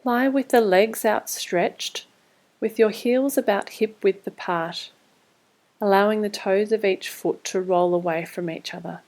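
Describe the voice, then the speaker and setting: This is a woman with a mid-range voice guiding a body scan meditation. Her scripted directions come out measured, calm and soothing.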